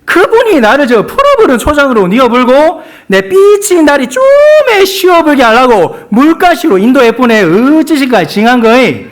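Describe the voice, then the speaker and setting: A man voicing an excitable countryman with a Jeolla dialect, reciting a psalm in a high, squealing voice. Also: heavily acted. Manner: high, squealing put-on voice with folksy exclamations.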